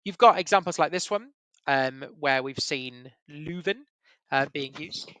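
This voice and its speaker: Guy giving a webinar talk, bright voice, kinda high, dry close sound. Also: measured pace, clear, resonant tone, no room sound. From Yorkshire, England. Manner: chatty, many fillers and restarts. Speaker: webinar presenter. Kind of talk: casual presentation.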